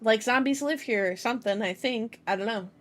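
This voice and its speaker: Fairly high-pitched and a little fast, this woman hosts a VTuber livestream, chatting casually. Her phrasing is playful and childlike, she tends to repeat herself, and music plays in the background.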